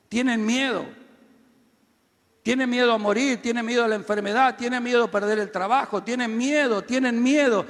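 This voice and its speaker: High-pitched preacher in an echoing hall. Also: male voice. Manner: builds to loud shouted exhortations. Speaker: pastor. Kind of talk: sermon.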